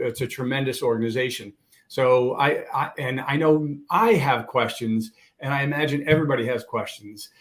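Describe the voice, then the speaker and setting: A man interviewing a podcast guest in an upbeat, enthusiastic way, often saying "you know". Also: medium pitch. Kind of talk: casual interview.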